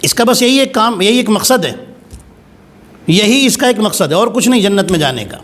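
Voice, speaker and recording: A man's voice: high-pitched, lively intonation, a bit bright. A man cleric delivering a religious sermon, telling a story dramatically with big swings in voice.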